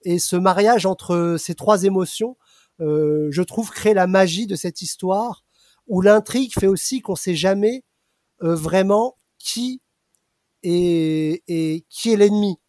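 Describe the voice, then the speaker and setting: A man's voice: high voice, slow pace, mellow, no room sound, studio quality. A man reviewing a comic in casual radio chat, hesitant with fillers.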